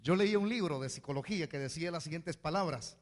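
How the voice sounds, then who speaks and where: A man preaching a sermon as pastor, with animated asides where he mimics complaining people. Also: on the high side, fast talker. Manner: preaching with acted asides in mocking voices. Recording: hall reverb.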